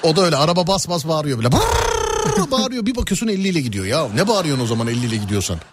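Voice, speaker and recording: Animated man hosting a casual show. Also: on the high side, racing, a little hiss or hum. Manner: animated, jokey storytelling. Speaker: host. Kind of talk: casual chat.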